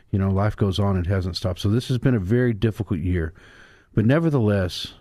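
Male pastor on live radio, kinda low voice, chatty and rambling with lots of ums, dry studio sound. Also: a little mellow, no echo. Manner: conversational, with many fillers and restarts.

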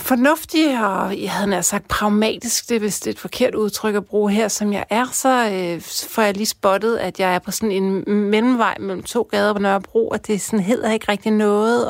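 Danish woman rambling through a story, gravelly voice, lots of ums, dry close sound. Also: medium pitch, no room sound. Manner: chatty, many fillers, swings between hushed and excited. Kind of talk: casual personal storytelling.

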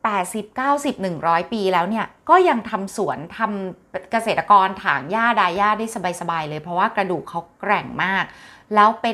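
A woman hosts a casual health talk, chatting with viewers in a friendly, explanatory way and calling herself by her nickname. Her voice is mid-range and a bit bright.

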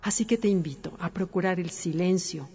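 A woman reading a scripted reflective narration as a host, in a calm, contemplative and measured way. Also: lowish voice, husky, in a large hall, dull audio, faint music behind. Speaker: host of a reflective wellbeing segment.

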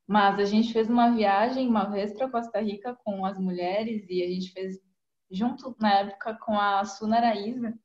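A woman's voice: mid-range voice, fairly even intonation, moderate pace, a little mellow, dull audio. Woman in a roomy recording. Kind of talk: casual chat among friends.

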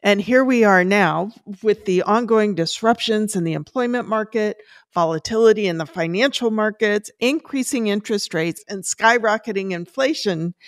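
Woman, medium pitch, upbeat organized advice-giving, measured emphasis, prepared interview segment, dry close sound. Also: dry recording. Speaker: personal finance expert giving advice.

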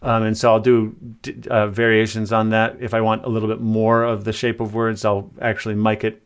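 Low, smooth-voiced man, hesitant. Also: monotone, a little fast. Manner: hesitant, thoughtful, many fillers. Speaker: composer guest. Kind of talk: conversational interview answers.

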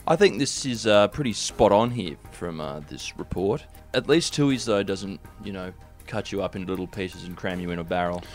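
A man's voice: low-pitched, expressive, normal speed, faint music behind. An Australian man co-hosting satirical news with dry, mock-earnest commentary. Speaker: co-host of satirical news show.

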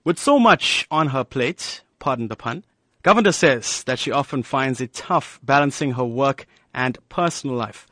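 A man reading a scripted news report in a smooth, measured way. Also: mid-range voice, lively intonation, bright, forceful tone, no room sound.

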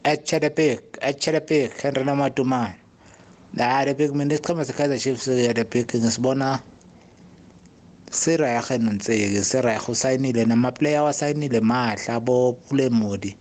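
A man's voice: medium pitch, moderate pace, darkish tone. A man with a South African accent giving a casual, emphatic sports opinion as a radio caller, repeating words for stress. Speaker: radio call-in listener.

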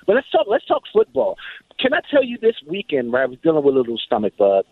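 A man's voice: a little high, wildly swooping pitch, quick pace, gravelly, no room sound. A male caller rambling in a chatty way, tripping over restarts. He comes through a tinny, phone-like line with a dry sound. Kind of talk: call-in sports chat. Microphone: telephone.

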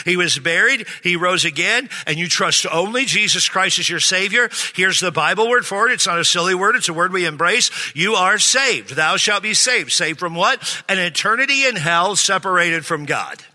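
A man's voice: high-pitched, expressive, moderate pace, few pauses, sharp tone. A middle-aged male pastor preaching a sermon, joking with the congregation and calling for amens, recorded live in a church sanctuary. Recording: preaching in a reverberant hall.

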